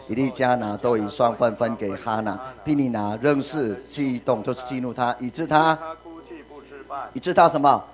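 A man preaching a sermon, lively, laughing and mimicking voices, then dropping to a quiet hush. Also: mid-range voice, slight background noise. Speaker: pastor.

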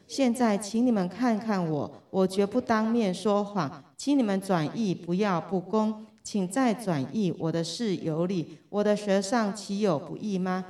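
A woman reading a scripture passage aloud at a steady, measured pace. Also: mid-range voice, distant mic. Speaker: scripture reader.

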